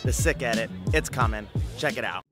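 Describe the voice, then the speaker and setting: A man's voice: mid-range voice, brisk, over loud music. Laid-back young man vlogging to camera. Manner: relaxed, joking, talks to camera. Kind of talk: casual vlog chat. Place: in a car and outdoors in a parking lot. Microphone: handheld camera at arm's length.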